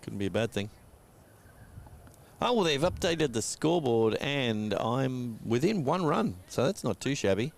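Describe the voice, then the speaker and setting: A man's voice: mid-range voice, big pitch swings, measured pace, vocal fry. A man doing casual live cricket commentary, full of teasing banter.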